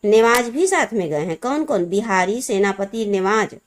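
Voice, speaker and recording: A female teacher explains a memory trick to her students, slowly repeating the key words. Her voice is mid-range with lively intonation.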